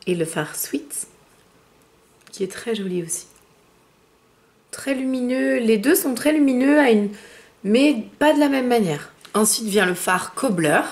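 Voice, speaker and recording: A woman with a chatty manner, reviewing eyeshadow palettes and slowing down to name each shade. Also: medium pitch. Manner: chatty, fillers, slows down when naming shades. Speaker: beauty vlogger. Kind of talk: makeup review with swatches.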